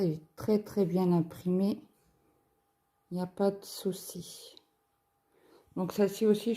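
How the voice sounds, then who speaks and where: A woman from France talks slowly and unhurriedly as she unboxes and measures craft kits for her viewers. Her voice is mellow and soft-edged, and her easygoing chat is dotted with small hesitations and fillers. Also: medium pitch. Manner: slow, chatty, hesitant with fillers. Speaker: craft vlogger. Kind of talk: casual unboxing show-and-tell.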